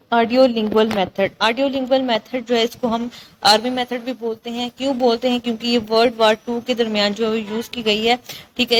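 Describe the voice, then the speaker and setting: A woman's voice: a little high, slight background noise, poor audio. A woman tutor, going over exam topics in a casual lecture, often checking in with her students. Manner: repetitive, checks in with "theek hai?".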